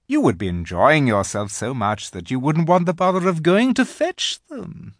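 A reader voicing an imperious, scheming witch queen from a children's storybook, sweet-talking in grand, drawn-out phrases. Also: mid-range voice, expressive, dry recording, studio quality, voice pushed up. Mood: commanding, coaxing.

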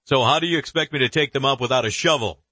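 An exasperated young agent , voiced by a male narrator, speaks in a raised, husky tone and pleads hard with his father. The read is close and dry. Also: mid-range voice, fast, pushed and bright, dry recording, pitched above the performer's own voice. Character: young male federal agent, desperate son.

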